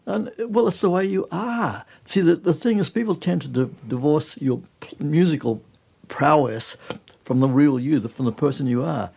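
Here the same older jazz musician from New Zealand talks at normal speed, his slightly high voice warm with lively intonation, vocal fry and a touch of roughness. As a studio guest in a casual interview, he shares anecdotes emphatically and colloquially, frequently cutting himself off and starting over.

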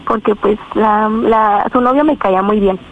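Over a tinny phone line with faint noise, a Mexican-accented teen caller from Estado de México recounts her story to a radio host. She sounds hesitant and uses many fillers, with a medium-pitched voice and a measured pace.

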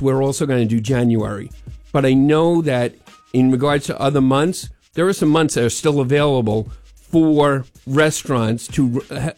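In a radio interview, an older New York–accented restaurant owner talks earnestly about sponsoring a charity, wandering a bit and returning again and again to "as far as it." His voice is mid-range with a darkish tone.

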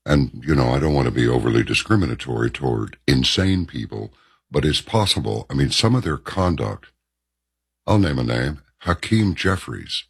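A man's voice: extremely low pitch, big pitch swings, moderate pace, slightly rough, no room sound, clean studio sound. A man hosting a political interview, asking long rambling questions with stammers. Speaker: host.

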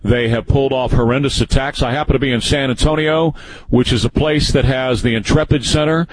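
A man's voice: mid-range voice, steady tone, brisk, dry recording, low-quality recording. A man in his early sixties hosting a call-in radio talk show, folksy and rambling with frequent restarts. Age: 60s. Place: radio studio.

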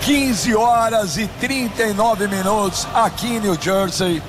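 A man with a Brazilian accent hosting a live sports broadcast from a stadium booth, joking and bursting into shouts. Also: high-pitched, music in the background. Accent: Brazilian Portuguese. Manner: excitable, joking, rapid swings to shouting.

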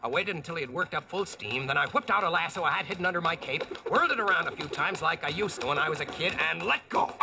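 A man's voice: fairly high pitch, expressive, quick pace, gravelly, hardly any pauses, noisy background. An actor playing a brash, wisecracking American who narrates his own adventure in a slangy, cocky way, in 1940s radio drama style.

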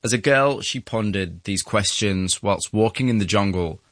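A man narrating a documentary in a measured, storytelling way. His voice sits on the low side. The studio sound is dry and close. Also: a bit bright, no room sound. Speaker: host and narrator. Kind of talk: scripted documentary narration and interviewing.

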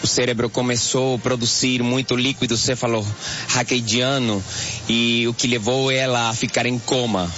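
A man's voice: medium pitch, fairly even intonation, fairly bright tone. Earnest man giving testimony. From Venezuela. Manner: measured, earnest, deliberate. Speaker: church member giving testimony. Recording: dull radio broadcast with faint music.

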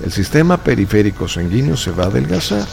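A man's voice: medium pitch, big pitch swings, fast, gravelly, a little mellow, slight background noise. A man in his fifties, raised in Mexico, talking emphatically and lecturing as a guest in a radio studio. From Chile, raised in Mexico. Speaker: stage hypnotist guest. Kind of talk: radio interview chat.

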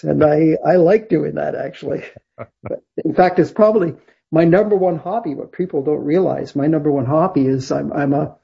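Gravelly older man on a call. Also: a little high, mellow, highs cut off. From Canada. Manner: rambling, many fillers and restarts. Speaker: guest. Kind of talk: casual interview chat. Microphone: video call.

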